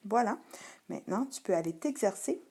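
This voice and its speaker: A woman's voice: medium pitch, expressive, moderate pace, dark tone, breathy edge. A woman teacher giving a patient reading lesson to young children, sounding out letters and syllables one by one. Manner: spells out sounds and syllables carefully, addressing the child directly.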